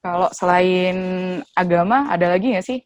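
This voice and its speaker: A woman's voice: on the low side, normal speed, a little hiss or hum. A woman co-hosting a casual discussion. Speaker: co-host, lecturer. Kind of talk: casual chat.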